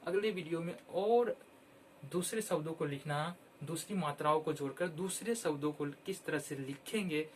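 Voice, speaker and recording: A man teaching children how to spell words, repeating each word slowly and clearly. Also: on the high side, slight background noise. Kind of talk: slow, patient Hindi spelling lesson.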